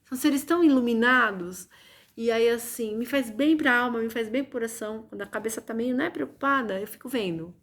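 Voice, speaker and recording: A woman with a Brazilian Portuguese accent, a reiki teacher, hosts a casual spiritual live stream from home, chatting away and often turning to viewers with "gente" and "né." Her voice sits on the high side, brisk and a bit bright.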